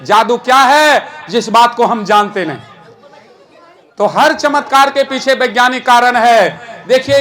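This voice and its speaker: A man's voice: very high voice, fairly bright tone. A man performing a live magic show, joking and giving orders to a boy and the audience. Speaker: stage magician and rationalist speaker. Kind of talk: live magic demonstration with explanatory talk.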